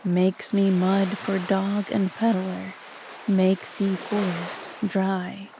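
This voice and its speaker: A woman narrating poetry in a soft, calm and even voice, reading to help listeners fall asleep. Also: medium pitch, takes it slowly, noisy background. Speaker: sleep story narrator. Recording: voice over a loud ambient ocean bed. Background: ocean ambience.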